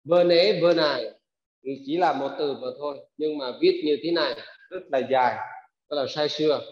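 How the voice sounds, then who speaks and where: A man teaching pronunciation, saying each word slowly twice for learners to repeat and patiently explaining rules. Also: on the high side. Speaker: language teacher. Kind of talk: pronunciation drill lesson. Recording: echoey hall, dull lo-fi sound.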